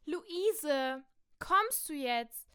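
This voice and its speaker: A woman's voice: high-pitched, expressive, very slow, sharp tone. A woman in a satirical stage comedy, pleading and fussy.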